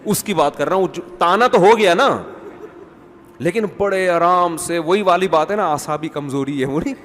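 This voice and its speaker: A man's voice: high voice, a bit bright, big-room sound. A middle-aged man giving family advice in an informal, teasing talk, often acting out the people he describes. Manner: conversational, teasing, acts out quoted voices.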